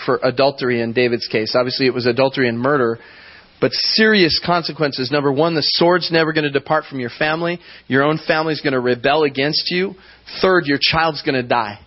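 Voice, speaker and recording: A man's voice: on the high side, muffled recording. A man preaching a sermon in a conversational way, often asking the congregation questions.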